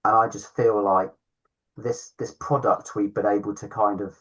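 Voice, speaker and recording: A man's voice: on the low side, little pitch movement, normal speed, a bit bright, slightly rough, poor audio. A man, a podcast host and club founder, chatting in an enthusiastic, self-deprecating way. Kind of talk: casual chat.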